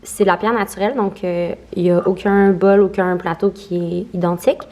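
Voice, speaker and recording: A woman's voice: mid-range voice, fairly even intonation, normal speed, darkish tone. A young woman with a Québécois French accent, vlogging casually and mixing in English words. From Quebec. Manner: chatty, mixes in English words. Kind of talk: casual vlog.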